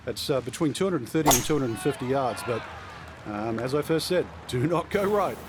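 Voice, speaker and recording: A man's voice: mid-range voice, expressive, a little fast, very noisy. A man giving golf commentary as an analyst, explaining the course in a conversational way.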